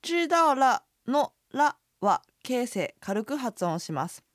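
A woman co-hosting a radio language lesson, explaining expressions and tones in a brisk manner. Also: sits high, very animated, no echo.

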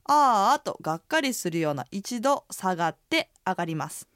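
A woman's voice: moderate pace, no room sound. Woman teacher on radio, voice jumps around a lot, chatty explaining, dry sound. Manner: explanatory, uses fillers, lively pitch. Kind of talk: radio language lesson.

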